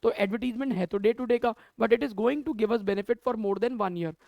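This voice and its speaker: Recorded through a camera mic, the audio is dull but free of room sound. The commerce teacher's voice is high and creaky, and he moves a little slowly through an accounting class, switching between Hindi and English terms while he questions students and answers for them.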